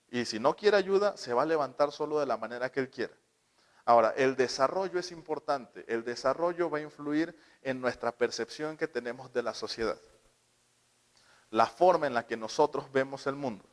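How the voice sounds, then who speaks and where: Man lecturing parents, lively questions. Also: fairly high pitch. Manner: asks the audience questions and acts out little quoted scenes. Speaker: lecturer on child development. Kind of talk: live talk to parents.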